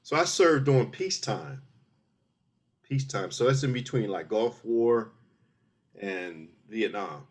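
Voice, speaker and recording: In a casual interview, a Philadelphia-born army veteran in middle age talks in a lowish, husky voice, expressive but a little slow, with long pauses. Earnest in tone, he lays things out step by step and frequently starts over.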